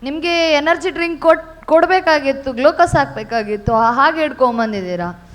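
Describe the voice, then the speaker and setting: A woman's voice: sits high, a little fast, fairly bright tone. A woman judging a dance competition, giving blunt critical feedback. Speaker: judge.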